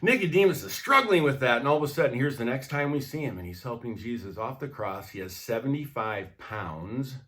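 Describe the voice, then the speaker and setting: A man's voice: medium pitch, expressive, a little fast, hardly any pauses, a bit bright. A man from the United States giving a conversational devotional sermon, emphatic and direct, often checking in with the listener. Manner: conversational, emphatic, with repeated tag questions. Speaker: pastor.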